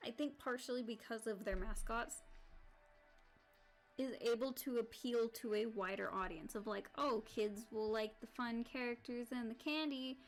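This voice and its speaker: A woman streamer chats casually while she draws, her voice on the high side with a steady tone at a normal speed. She rambles, packing her talk with "like" and restarts, and faint music plays in the background.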